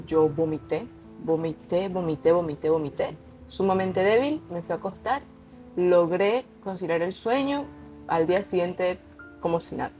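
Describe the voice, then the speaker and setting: A woman's voice: fairly low pitch, warm tone. A young woman telling her personal testimony in an unscripted, conversational way, earnest and repeating words for emphasis. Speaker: vlogger sharing a personal testimony.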